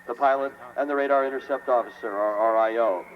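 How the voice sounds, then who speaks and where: An American man working as an airshow commentator, giving measured, technical announcements over music in a dull outdoor recording. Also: medium pitch.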